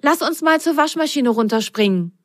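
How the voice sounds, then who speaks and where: A woman doing an excited little boy sock. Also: sits high, moderate pace, dry recording, studio quality, pitched above the performer's own voice. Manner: excited, bubbly. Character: eager excitable young male sock.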